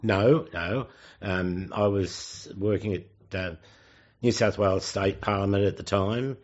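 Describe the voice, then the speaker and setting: An Australian man in his seventies reminiscing in an interview, speaking haltingly with hesitant pauses and self-corrections. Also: fairly low pitch. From Sydney, Australia. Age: 70s. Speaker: oral history interviewee. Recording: dull, lo-fi interview recording.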